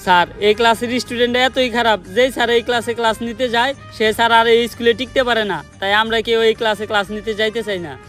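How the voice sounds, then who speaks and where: Quick, pleading man in comedy sketch. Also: extremely high pitch, fairly even intonation, fairly bright tone, faint music behind. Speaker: comedy sketch actor playing a teacher. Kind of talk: comic sketch acting.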